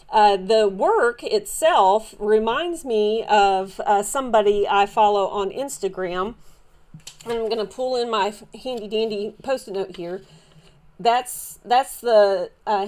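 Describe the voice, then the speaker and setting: A woman with a Southern drawl talks through her latest finds in a relaxed, chatty way. She wanders off on tangents, restarts her sentences and fills the gaps with "um" and "uh." Her voice sits at an ordinary middle pitch. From Southern United States. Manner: chatty, meandering, many fillers and restarts. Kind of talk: casual show-and-tell haul.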